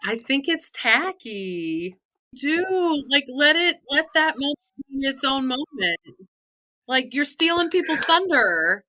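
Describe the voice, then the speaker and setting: A woman's voice: high voice, big pitch swings, takes it slowly, sharp tone. A woman co-hosting a podcast, ranting with emphasis in a casual chat. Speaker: podcast co-host.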